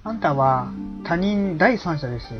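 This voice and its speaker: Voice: medium pitch, expressive, measured pace, muffled recording, faint music behind. A player giving casual, musing commentary over a game, with many fillers.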